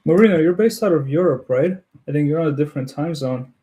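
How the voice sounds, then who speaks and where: A man's voice: fairly high pitch, lively intonation, fast, warm tone, highs cut off. A man from Ukraine hosting a casual livestream, chatting with viewers and laughing often as he builds. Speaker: livestream host. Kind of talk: casual chat with live viewers.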